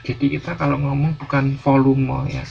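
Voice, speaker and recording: A man's voice: medium pitch, steady tone, a little slow, gravelly. A male university lecturer teaching a class, explaining patiently and repeating words with many fillers. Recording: dull lo-fi classroom recording, faint noise.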